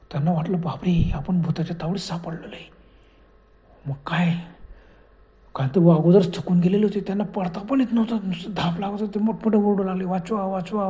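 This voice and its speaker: Ghost story narrator, dramatic and hushed at times, dark mellow voice. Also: mid-range voice. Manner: dramatic, with frequent hushed passages.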